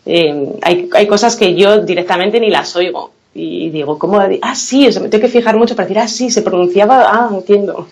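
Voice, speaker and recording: A woman with an accent from Spain answers as an interview guest in a middle-pitched voice. She speaks thoughtfully, pausing and hunting for words as she goes. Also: a little mellow. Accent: Spanish from Spain. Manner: thoughtful, hesitant, many pauses and fillers. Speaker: guest, English academy founder. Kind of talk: casual interview chat.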